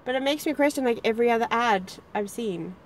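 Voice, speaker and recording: A woman's voice: on the high side, quick pace. A young woman, co-hosting a casual chat outdoors in a park, playful and full of "like". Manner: chatty and playful, peppered with "like". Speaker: co-host.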